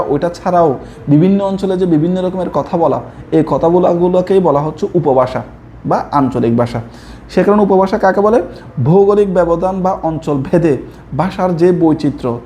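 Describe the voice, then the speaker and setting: Young guy from chittagong, chittagonian bengali accent, exam prep class, repeats answers, soft mellow voice, bit of background noise. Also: on the high side, fairly quick. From Chittagong, Bangladesh. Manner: repeats key answers, addresses students directly. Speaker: coaching teacher. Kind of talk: slide-based exam prep lesson.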